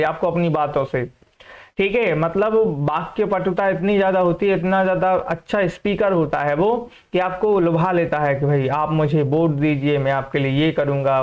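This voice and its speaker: Indian male vocabulary teacher, fairly high voice, keeps checking the class follows, dull lo-fi recording. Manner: repeats questions to students and checks understanding; slow, careful reading of English example sentences.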